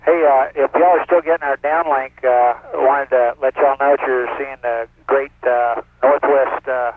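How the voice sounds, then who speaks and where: A man's voice: mid-range voice, fairly even intonation, unhurried. A man from northwest Florida, an astronaut speaking in an easygoing way over a radio link from orbit. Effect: radio transmission from orbit. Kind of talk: space-to-ground radio talk. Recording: tinny narrow-band radio downlink.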